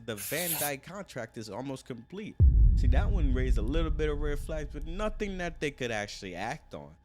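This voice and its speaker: A man telling a true-crime story in a comedic way, slangy and profane with joking asides. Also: medium pitch.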